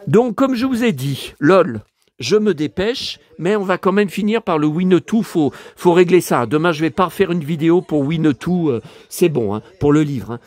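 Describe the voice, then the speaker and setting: A hoarse man in a casual vlog, talking to his viewers and muttering exclamations to himself as he browses through his purchases. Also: a little high, animated, moderate pace, a little mellow, no room sound. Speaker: vlogger showing his purchases.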